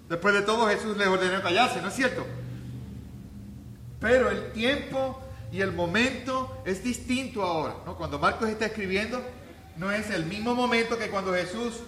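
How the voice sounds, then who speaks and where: A man preaching a sermon as pastor, talking conversationally, then rising to loud, emphatic peaks. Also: high-pitched, echoey room, a little hiss or hum.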